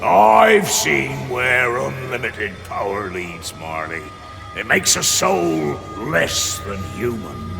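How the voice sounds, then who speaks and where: Game role: brooding male pirate captain, solemn and haunted, very gravelly, drawn-out lines, cavernous reverb. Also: mid-range voice, sing-song, full character voice. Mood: earnest, insistent. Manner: slow, dramatic, weighty. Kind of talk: video game dramatic acting. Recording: long reverb with music behind.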